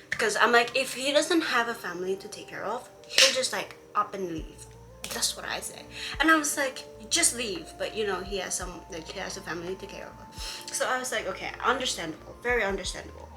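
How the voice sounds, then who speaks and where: A Hawaiian woman vlogger with a medium-pitched voice talks casually about a comic she's reading. She sounds exasperated and rambles, with plenty of fillers and restarts.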